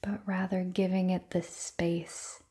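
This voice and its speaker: A woman with a lowish, breathy voice, close to a whisper and warm and dark in tone, talks listeners through a meditation. Everything about her delivery is unhurried and soothing, with long gaps between phrases and a gentle, fairly level intonation throughout.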